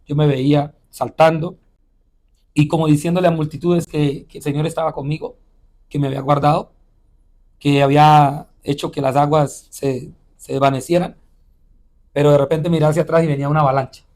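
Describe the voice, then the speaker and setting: A male pastor telling a personal spiritual testimony in an interview, halting and repeating words often with frequent "eh" fillers. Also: fairly high pitch, flat delivery, a little mellow. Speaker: pastor and missionary.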